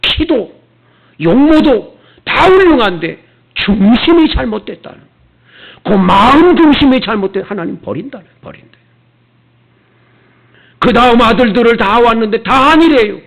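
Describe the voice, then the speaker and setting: A male pastor preaching a sermon, telling stories in an animated way and acting out the people in them. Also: very high-pitched, unhurried, vocal fry, long pauses. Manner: animated storytelling, acting out the characters. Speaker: senior pastor. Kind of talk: sermon with storytelling. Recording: tinny phone-like sound.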